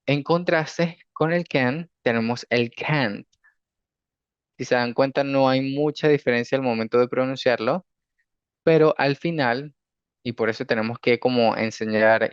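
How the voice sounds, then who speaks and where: A man teaching an English class, explaining patiently and often checking that students follow, reading example sentences slowly. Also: medium pitch, smooth, no room sound. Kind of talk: recorded class lecture. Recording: dull lo-fi dry recording.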